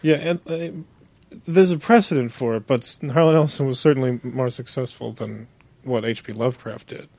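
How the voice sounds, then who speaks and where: A man's voice: medium pitch, normal speed, darkish tone. A man co-hosting a casual podcast discussion, talking in an enthusiastic, loose and rambling way. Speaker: podcast co-host.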